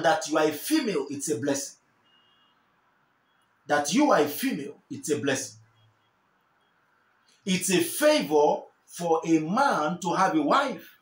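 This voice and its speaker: A young Nigerian man preaches with fervour, his high voice rising and falling in wide sweeps. He repeats his key lines for emphasis. The sound carries the echo of a small bare room. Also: fairly bright tone. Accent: Nigerian English. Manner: fervent, repeats key phrases, gestures while preaching. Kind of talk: sermon to camera. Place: small indoor room, seated in armchair.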